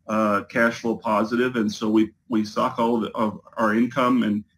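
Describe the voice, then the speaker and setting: A man's voice: on the low side, little pitch movement, moderate pace, rough recording. A man speaks over a choppy video call from his home office, giving a testimonial in an interview. He talks hesitantly, with many ums, you-knows and restarts. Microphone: video call with a poor connection.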